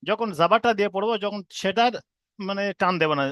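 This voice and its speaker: A man teaching an online class on reading letters, who chants drawn-out letter sounds between quick explanations. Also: high-pitched, a bit bright, clear, resonant tone, no echo, studio quality. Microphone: own microphone on an online call.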